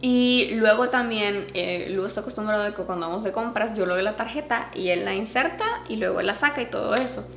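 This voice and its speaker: A woman vlogger and mother telling a story casually to her viewers, animated, with a higher pitch whenever she acts out what others said. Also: brisk, vocal fry, few pauses. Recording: echoey room with faint background noise.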